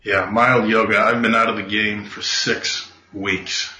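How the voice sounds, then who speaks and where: A man with a lowish, bright, forceful voice comes through a speakerphone in an echoey room. He is a regular guest on a radio talk show. He explains things at length in a steady, factual way. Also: a little slow. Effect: sounds like a speakerphone. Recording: roomy echo through a speakerphone.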